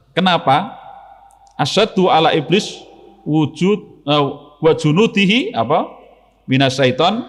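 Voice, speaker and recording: Javanese man preaching, slow deliberate talk, quizzes the crowd, long hall echo. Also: high-pitched. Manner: lively, asks the audience questions, mixes Arabic verses. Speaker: Islamic preacher. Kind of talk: sermon to students.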